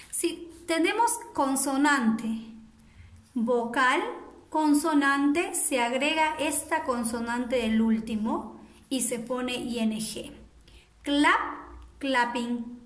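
High-voiced teacher lady, super slow, drilling english verbs. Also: roomy sound, low-quality recording. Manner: drills word pairs, checks in with frequent "ok?". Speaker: primary school English teacher. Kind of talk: slow bilingual grammar lesson, spelling words aloud.

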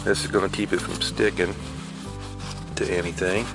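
With a deep, creaky voice and a moderate pace, a channel host from Florida walks viewers through an outdoor meal by a campsite fire pit. His narration is easygoing and full of fillers, and music plays underneath.

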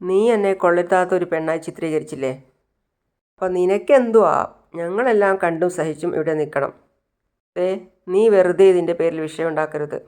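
A woman voicing a defensive, quick-tempered young husband caught out by his wife. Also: high-pitched, darkish tone, smooth, natural voice.

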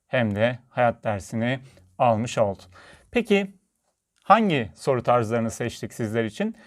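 A man's voice: medium pitch, expressive, measured pace. A man teaching a physics video lesson, friendly and talking straight to his viewers as friends.

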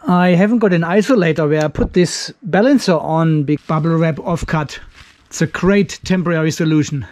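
With a fairly high, slightly mellow voice at a moderate pace, a fifties-aged DIY host talks casually through a hands-on task, musing aloud as he works. The recording comes from his garage workshop with a metal roof and carries some background noise.

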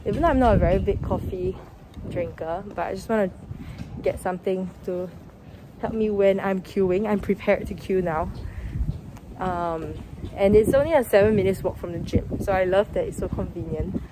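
A young woman from Singapore talks through a face mask in an upbeat, chatty travel vlog, her pitch sitting at a middling level for a woman. The recording is outdoors on city streets, with clear street ambience and passing traffic behind her voice. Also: moderate pace. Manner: chatty and upbeat, talking to camera while walking and queuing. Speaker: travel vlogger. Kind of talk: casual travel vlog chat. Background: street ambience and passing vehicles.

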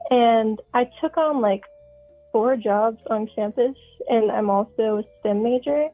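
An eighteen-year-old woman calls in over the phone, her voice squeezed thin by a tinny line. She talks casually and chattily, pausing on ums and starting her sentences over. Faint music plays somewhere behind the call. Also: on the high side. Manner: chatty, hesitant with ums and restarts. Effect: heard over the phone. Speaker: caller. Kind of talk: casual chat.

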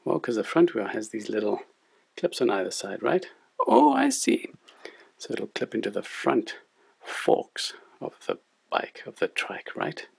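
A man's voice: on the low side, lively intonation, measured pace, gravelly, husky. A man hosting a children's puppet show, explaining toy building to young viewers in a friendly way.

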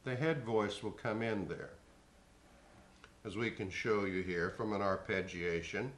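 A man giving a spoken vocal lesson in a slow, measured, instructive way. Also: on the low side, a bit bright, a little hiss or hum. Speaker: voice teacher. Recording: echoey room.

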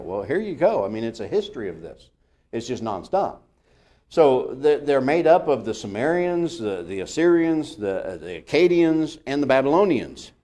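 A male Bible teacher with a lively, swooping voice talks through the old stories in an easygoing way. He jokes with the people in the room and keeps laughing as he goes. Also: mid-range voice.

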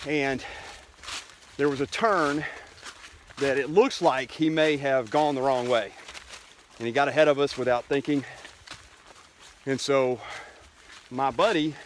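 A man's voice: mid-range voice, measured pace, long pauses. Middle-aged guy hiking, talking into a handheld cam, faint woodsy background hiss. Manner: plain, matter-of-fact explaining while walking. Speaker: hiker filming his trip. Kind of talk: casual trail vlog. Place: outdoors on a leafy forest trail. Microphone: handheld camera close to face.

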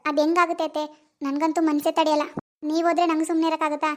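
Someone doing a sweet young daughter-in-law, earnest, high quick voice, cartoon. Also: flat delivery, lightly acted. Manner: eager and earnest.

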